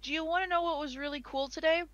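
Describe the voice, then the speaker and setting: A woman's voice: sits high, fairly even intonation, fast talker, fairly bright tone, no echo, lo-fi sound. A young woman co-hosting a casual podcast chat, chatty and giggly, rambling with restarts. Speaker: co-host.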